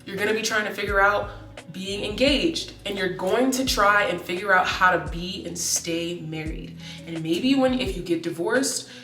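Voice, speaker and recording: Recorded from a distance in an echoey room with faint music, this late-twenties woman vlogs casually, full of "like" fillers and restarts. Her medium-pitched voice sounds pushed and bright.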